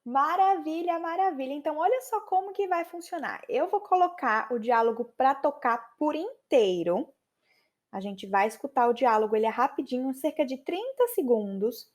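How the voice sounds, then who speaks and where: A Brazilian woman hosting a podcast English lesson, lively and chatty, slowing down to repeat phrases for practice. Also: high-pitched. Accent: Brazilian Portuguese. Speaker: podcast host and English teacher.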